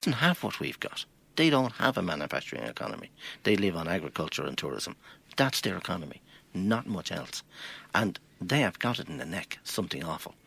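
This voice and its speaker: Irish guy, deep gravelly husky voice, swings up and down a lot, fires off rhetorical questions. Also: very animated, brisk, pushed and bright. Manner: emphatic, argues with rhetorical questions. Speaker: financial planner guest. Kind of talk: studio interview commentary.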